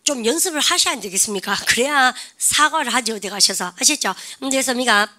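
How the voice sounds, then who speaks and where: Bright-voiced teacher. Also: female voice, a little high, a little fast. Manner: lively, drilling students with call-and-response prompts. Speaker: English teacher. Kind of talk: classroom lecture.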